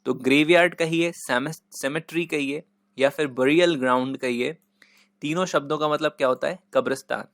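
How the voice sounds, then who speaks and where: Patient teacher, dry sound. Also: male voice, on the high side, moderate pace, fairly bright tone, no room sound. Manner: patient, repeats each word and spells it out. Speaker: English teacher. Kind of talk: Hindi-English vocabulary lesson.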